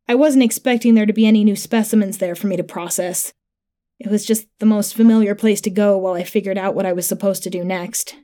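A woman narrating a first-person sci-fi horror story in a calm, matter-of-fact way. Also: mid-range voice.

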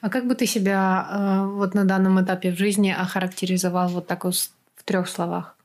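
A woman hosting an interview podcast, asking reflective questions and humming along softly while her guest talks. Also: medium pitch, level tone, fairly quick. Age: adult over twenties. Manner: reflective, frequent soft backchannel hums. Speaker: podcast host.

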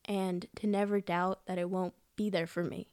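Lively young woman chatting on a podcast. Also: on the low side, normal speed, smooth, no room sound, studio quality. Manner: animated, acts out character lines with laughs. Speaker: podcast co-host. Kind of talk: casual review chat.

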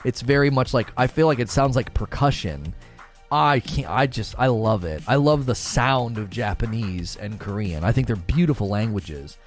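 As host of a daily livestream gaming talk show, a man chats casually, rambling eagerly, repeating phrases and responding to viewer chat. His medium-pitched, mid-range voice has lively intonation and a moderate pace, with faint music in the background.

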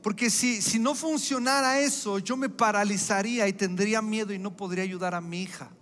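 A man's voice: high-pitched, fairly even intonation, a little fast, a bit bright. A middle-aged man preaching a sermon, with an emphatic, repetitive cadence. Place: church hall. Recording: echoey hall with faint music.

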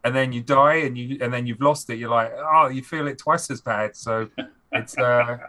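A man's voice: medium pitch, fairly even intonation, normal speed, bright, forceful tone. A man, a game designer guest on a podcast, talking animatedly and acting out players' reactions. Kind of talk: podcast conversation.

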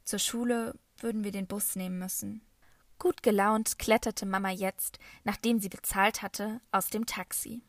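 A woman reading a children's novel as first-person scripted narration, in a calm storytelling manner. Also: mid-range voice, a little slow, no echo. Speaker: audiobook reader.

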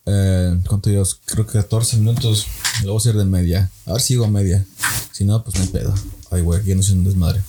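A man's voice: sits low, fairly even intonation, a little fast, heavy background noise. Joking Mexican man hosting a podcast. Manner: joking, mocking mimicry, laughs often. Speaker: podcast host. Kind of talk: casual solo podcast monologue.

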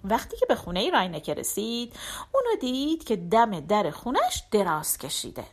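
A woman narrating a folk tale in an expressive, animated storytelling manner. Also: fairly high pitch.

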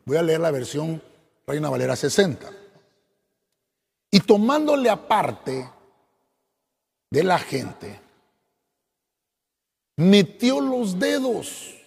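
A man's voice: on the high side, big pitch swings, slow pace, gravelly, pauses often, husky, big-room sound. A man, a pastor from Honduras, preaching a sermon, swelling and dropping his voice and calling his listeners brother.

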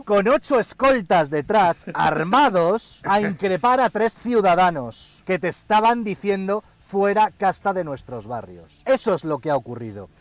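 Scornful, high-pitched Spanish ranting man. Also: dry recording. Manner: sarcastic, scornful, repeats words for emphasis. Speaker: political commentator. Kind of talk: angry rant addressed to a politician.

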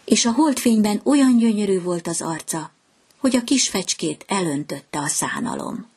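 A woman reading a fairy tale aloud in a gentle, measured storytelling voice. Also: mid-range voice, lively intonation, slightly rough.

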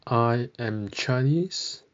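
Guy teaching a language podcast, takes it real slow, kinda muffled lo-fi audio. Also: mid-range voice. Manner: slow, careful modelling of phrases, repeated twice.

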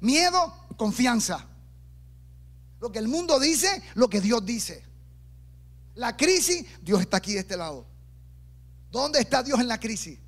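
A middle-aged man preaching a sermon, animated and humorous, acting out voices as he tells the story. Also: very high-pitched, measured pace, long pauses. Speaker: pastor.

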